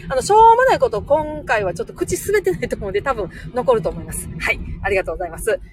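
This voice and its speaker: A middle-aged woman from Osaka and Nara with a Kansai accent, talking off the cuff on a livestream in a rapid, chatty way. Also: fairly high pitch, big pitch swings, a little mellow. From Osaka-born, raised in Nara. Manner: rapid chatty machine-gun talk. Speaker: livestream host. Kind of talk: unscripted livestream talk reading comments.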